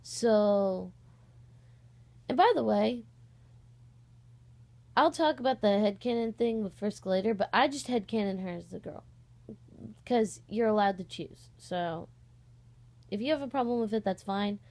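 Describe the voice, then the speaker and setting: Sitting on her bed at home, a young amateur voice actor and video host rambles through a casual vlog chat, getting distracted often. She speaks a little slowly at a mid-range pitch with a darkish tone, leaving long pauses.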